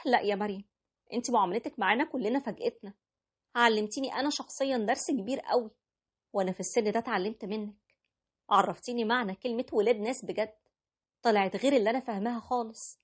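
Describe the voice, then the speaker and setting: A woman's voice: fairly high pitch, fast talker, breathy edge, pitched above the performer's own voice. A woman voicing an older mother-in-law. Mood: tender. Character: older mother-in-law nearing retirement, once haughty. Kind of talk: storytelling with character voices.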